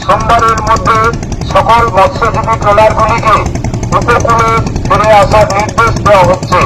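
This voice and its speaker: High-pitched man making a formal public announcement. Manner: formal, measured, instructive. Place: outdoors over a public address system. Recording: noisy outdoor street recording with vehicle sounds.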